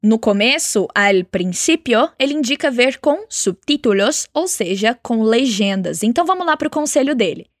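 A woman teaching a language lesson, encouraging and clear, slowing down to model phrases for the listener to repeat. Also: fairly high pitch, lively intonation, dry recording, clean studio sound. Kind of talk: spoken language lesson with repeat-after-me drills.

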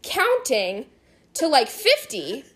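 A woman's voice: sits high, slow. A young adult woman co-hosting a podcast, telling a story in casual chat and acting out the voices of the people in it. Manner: animated, acts out voices in stories. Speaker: podcast co-host.

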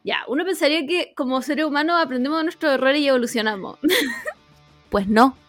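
A young woman with a Chilean accent, chatting casually as a podcast co-host, full of swearing and animated storytelling. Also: high voice, normal speed, no room sound, faint music behind. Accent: Chilean Spanish. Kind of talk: casual chat.

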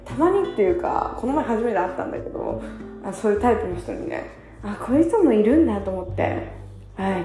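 A tired young woman in her twenties chatting casually on her own, self-mocking and acting out quotes in a higher voice. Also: echoey room. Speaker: vlogger. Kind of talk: casual solo chat. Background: soft guitar music.

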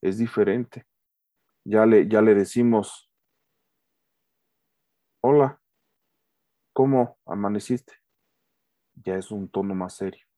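Mellow-voiced middle-aged man teaching. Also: fairly low pitch, fairly even intonation, unhurried, dry recording. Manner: talks with many fillers and restarts, asks for agreement. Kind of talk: casual lecture.

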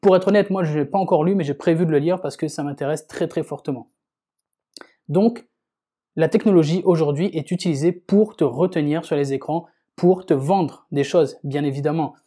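Mellow-voiced casual podcast host. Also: medium pitch, moderate pace, husky. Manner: informal, talks directly to the listener, repeats words for emphasis. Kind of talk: casual self-help podcast monologue.

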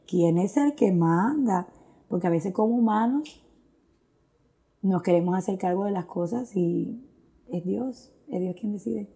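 A woman's voice: medium pitch, a little slow, warm tone. A woman telling a personal faith testimony in an earnest, reflective way, mixing in English phrases. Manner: mixes Spanish with English phrases; earnest, reflective, with frequent fillers. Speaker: guest sharing a testimony.

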